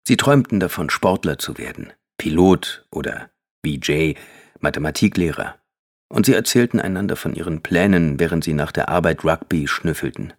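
A man reading a novel aloud as an audiobook narrator, in steady, measured scripted narration. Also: low voice.

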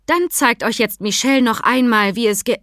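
A strict older grandmother from a storybook, clipped and stern, rising into indignation when defied, as a woman narrator plays her. Her voice carries authority rather than warmth. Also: fairly high pitch, moderate pace, no room sound, studio quality, voice pushed up, natural voice.

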